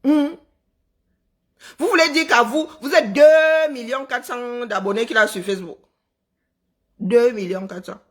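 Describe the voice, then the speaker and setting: A Cameroonian woman and social media commentator scolds her live-stream viewers sarcastically, speaking at a measured pace with frequent pauses. Her voice sits on the high side, and she calls it unpleasant herself.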